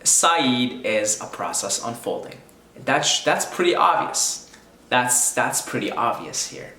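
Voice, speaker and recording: A Syrian man who speaks Arabic as his first language creates videos on spirituality, here thinking aloud in a reflective monologue and repeating phrases as he goes. His mid-range voice is very animated yet slow, with a sharp tone and reverberant sound.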